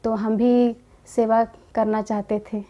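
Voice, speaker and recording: A young woman giving a gentle personal testimony about her spiritual path, quoting conversations in her own voice. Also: fairly high pitch, flat delivery, slow, dull audio. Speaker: spiritual community member sharing her experience.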